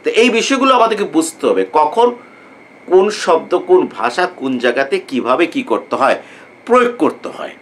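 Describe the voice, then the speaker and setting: A man's voice: on the high side, huge pitch swings, a bit bright. A male lecturer from Bangladesh giving students an informal talk, often stopping mid-sentence on a questioning filler before finishing the thought. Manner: repetitive, rhetorical, fills pauses with a questioning "what". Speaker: economics lecturer.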